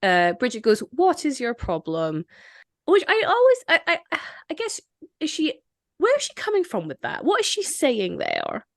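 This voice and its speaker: A woman's voice: high-pitched, huge pitch swings, moderate pace, creaky, no echo, studio quality. A young adult woman hosting a podcast, retelling a film scene by scene in casual chat and acting out the characters' lines with lots of laughter. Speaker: podcast host.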